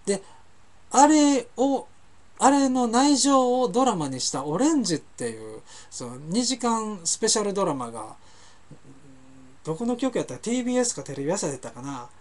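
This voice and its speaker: A man's voice: high voice, very animated, normal speed. A man with a Kansai accent hosting a talk show, telling rambling anecdotes in a casual monologue and often correcting himself mid-sentence. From Kansai, Japan. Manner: chatty, rambling anecdotes with frequent self-corrections. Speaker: host of a web talk show.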